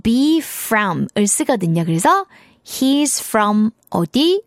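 A woman's voice: fairly high pitch, big pitch swings, very slow, no room sound, studio quality. A woman teaching English to children in Korean, in a cheerful, encouraging way. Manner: cheerful, encouraging, sing-song.

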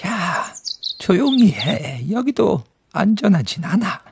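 A man acts out a kindly grown beaver from a storybook, with a creaky, gravelly voice. He talks in a folksy, watchful way, as if guarding a secret. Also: high voice, very animated, slow, background noise, pitched above the performer's own voice, full character voice. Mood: wary, secretive. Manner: secretive, folksy beaver talk, hushed at moments. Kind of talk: storybook character voice.

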